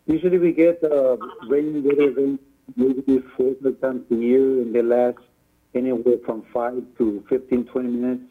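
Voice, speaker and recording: A man's voice: mid-range voice, flat delivery, normal speed. A man on staff giving a formal, prepared report at a board meeting, speaking politely and deferentially, heard over a phone line that keeps breaking up. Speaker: utility staff member presenting a report.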